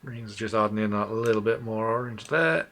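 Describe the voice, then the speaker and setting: A man with a Northumbrian English accent hosts a casual live photo-editing session, thinking aloud informally as he works. His voice is fairly low and fairly bright, at normal speed. Background noise is clear, with keyboard and mouse clicks.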